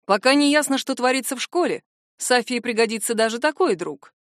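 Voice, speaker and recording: A woman reading the lines of a young male death mage who is teasing and calmly firm. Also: a little high, a little fast, dry recording, clean studio sound, lightly acted.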